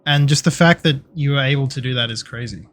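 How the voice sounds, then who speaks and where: A man's voice: medium pitch, quick pace, fairly bright tone. A young man chatting casually and swearing freely while streaming a game. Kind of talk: casual live-stream chat while gaming.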